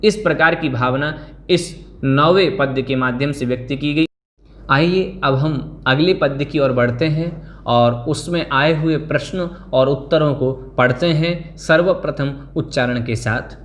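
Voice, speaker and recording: A man teaches an online class on scripture. He recites each verse line slowly, stretching out the syllables, and then explains the meaning in a measured lecturing manner. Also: fairly high pitch, slight background noise.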